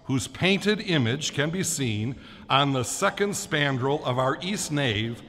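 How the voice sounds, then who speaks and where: Slow, dramatic male preacher in echoing church. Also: medium pitch, lively intonation, a bit bright. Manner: oratorical, deliberate, emphatic phrasing. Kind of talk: formal scripted homily. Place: large church during Mass. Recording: long echo of a big church.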